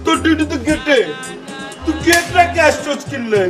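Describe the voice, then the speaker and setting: A man's voice: very high voice, normal speed. A man playing a stern male master of the house who scolds his gatekeeper in a comic drama. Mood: scolding. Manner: scolding, orders the gatekeeper about. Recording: distant voice over background music.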